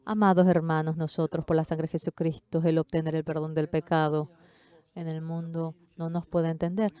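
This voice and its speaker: A woman interpreting a Sunday sermon, delivering it emphatically and pushing her voice up high on the key phrases. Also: flat delivery, normal speed, warm tone, clean tone. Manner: emphatic, with pitch rising sharply on key phrases.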